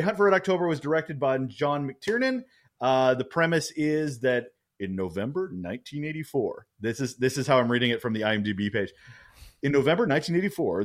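A man co-hosting a casual movie podcast, joking and rambling with many restarts. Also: a little high. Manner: lively, jokey, rambling with restarts. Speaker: podcast co-host. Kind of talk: casual chat. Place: Vancouver Island.

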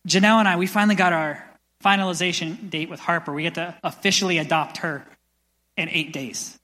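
A young man preaching a sermon as pastor, energetic and building to loud passionate peaks, in a church sanctuary. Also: high-pitched, fast. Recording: long church hall reverb.

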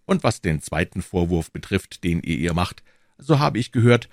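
A man's voice: low-pitched, big pitch swings, normal speed, no room sound, clean studio sound. D'Artagnan, a man doing a fiery young Gascon. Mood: earnest. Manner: earnest, impassioned. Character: ardent, bold young Gascon swordsman.

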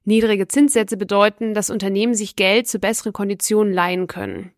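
A woman narrates a scripted explainer as a podcast host. Her voice sits at a medium pitch and speaks straight to the listener in an orderly, instructional manner. The recording is dry, with hardly any room sound. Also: lively intonation, fairly quick, dry recording. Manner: structured, instructional, addressing the listener directly.

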